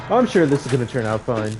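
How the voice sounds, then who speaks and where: Joking young man streaming a game. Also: medium pitch. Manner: joking, talks to chat while playing, laughs often. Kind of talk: casual gaming stream chat.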